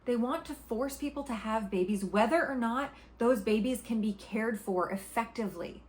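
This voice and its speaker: A woman's voice: fairly high pitch, normal speed, darkish tone. A woman vlogger talking straight to her viewers, making an argument with emphatic repetition and passion. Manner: passionate, emphatic, repeats points for stress. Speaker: political commentary vlogger. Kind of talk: opinionated direct-to-camera commentary.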